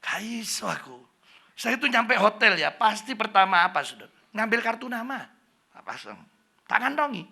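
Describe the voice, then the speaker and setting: High, gravelly Javanese-accented pastor. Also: male voice, big pitch swings, moderate pace, bright, forceful tone. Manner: joking, chatty, asks the congregation questions. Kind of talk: humorous church sermon.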